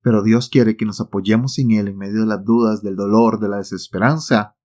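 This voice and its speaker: A man's voice: fairly low pitch, fairly even intonation, fairly quick, a little mellow. A man giving a devotional talk to the listener, emphatic and repeating his key phrases. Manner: speaks directly to the listener.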